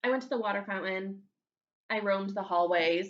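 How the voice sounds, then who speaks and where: An elementary school teacher reads a children's storybook aloud expressively, adding asides for her young pupils. Her medium-pitched voice moves at a moderate pace with a fairly bright tone, recorded with lo-fi sound.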